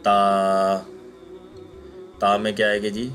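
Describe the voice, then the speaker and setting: A man teaching Quran recitation in a recorded online lesson, explaining each letter sound slowly and patiently and repeating it aloud. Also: on the low side, fairly even intonation, soft background music.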